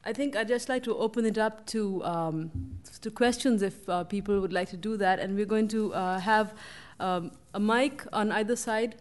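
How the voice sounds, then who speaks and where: A woman moderates a panel at a university lecture. She talks at a mid pitch, stopping often on small hesitations as she gathers her thoughts. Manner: hesitant, many fillers.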